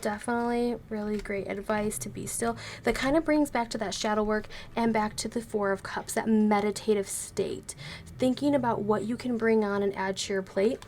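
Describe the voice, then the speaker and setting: A woman talks through a tarot reading at an easy, careful pace, sparing a voice that is slightly hoarse from being sick. Her pitch sits in the middle and her tone stays gentle. A faint hiss of noise runs under her voice. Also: steady tone, normal speed. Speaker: tarot reader.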